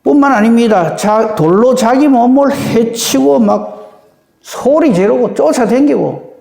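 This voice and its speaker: Lively pastor in an echoey church. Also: male voice, very high voice, unhurried, creaky. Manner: conversational, often seeking agreement from the congregation. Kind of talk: dawn service sermon. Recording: reverberant church hall.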